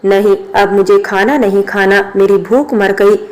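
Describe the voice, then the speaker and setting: Brief: an earnest young maid who takes offense easily, monotone, voiced by a woman narrator. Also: medium pitch, measured pace, natural voice.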